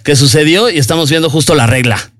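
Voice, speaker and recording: A man's voice: a little high, quick pace, fairly bright tone. A man with a Mexican accent hosting a radio sports show, chatting loosely with many fillers. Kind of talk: lively studio sports chat.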